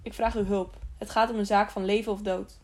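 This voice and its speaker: A woman's voice: mid-range voice, flat delivery, brisk, close to an everyday voice. A woman reading the lines of a mysterious old man in a hooded robe, who talks in an urgent, pleading way.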